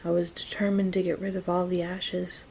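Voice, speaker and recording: Woman whispering a bedtime-style asmr book reading, soft n even, bit of low rumble in the bg. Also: creaky, low-quality recording. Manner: whispering and very soft, gentle unhurried delivery. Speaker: reader of an audiobook-style story.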